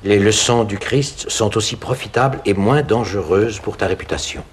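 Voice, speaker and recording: Male actor playing a composed priest mentor; calm, stern delivery, low voice. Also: normal speed, lightly acted. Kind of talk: period film drama.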